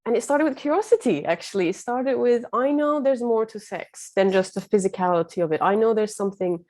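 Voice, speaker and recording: Woman from Turkey, guest coach, reflective and earnest, warm mellow tone. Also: on the high side, brisk. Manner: reflective, earnest, many fillers. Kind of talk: casual conversation.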